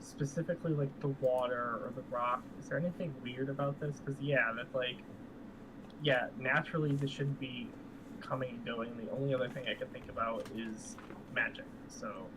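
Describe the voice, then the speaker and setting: A man's voice: mid-range voice, fairly even intonation, moderate pace. A man playing a tabletop role-playing game, talking casually as he works through the situation. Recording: clear background noise.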